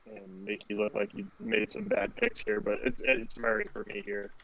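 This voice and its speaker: A man chatting casually as a fantasy football panelist, blunt and swearing freely, his voice coming through low sample rate, robotic-sounding internet call audio. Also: sing-song, moderate pace, vocal fry, breathy edge. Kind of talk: casual chat over an online call. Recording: dull lo-fi online call audio.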